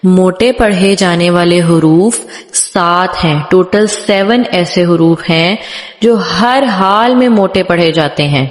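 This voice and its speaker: Woman teaching tajweed in an echoey room. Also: fairly low pitch. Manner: patient, repeats and models letter sounds slowly. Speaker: Quran recitation teacher. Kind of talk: tajweed lesson explaining letter sounds. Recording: echoey room with long reverb.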